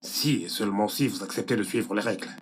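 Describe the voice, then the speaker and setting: A man's voice: on the low side, fairly quick, slightly rough. A man dubbing a composed father in a French-language film, courteously interviewing a nanny and firmly setting his conditions. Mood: calm. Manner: calm and courteous, firm when setting rules.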